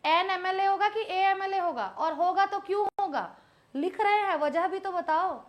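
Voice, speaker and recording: With a very high voice, a patient woman leads a live online English grammar class in Hindi laced with English. She repeats words slowly to help them stick.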